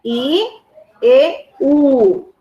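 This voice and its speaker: A woman's voice: high voice, expressive, drawn-out words, mellow. A woman with a Brazilian Portuguese accent teaching a grammar lesson to a class, patiently repeating answers and checking that everyone follows. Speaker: schoolteacher. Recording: roomy echo.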